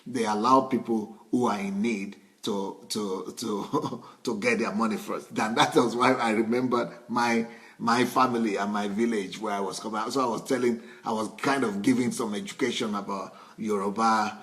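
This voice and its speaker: A middle-aged man with a Nigerian accent, preaching in a relaxed, conversational way and often restarting and repeating words. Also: on the low side, normal speed. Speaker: pastor. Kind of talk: sermon.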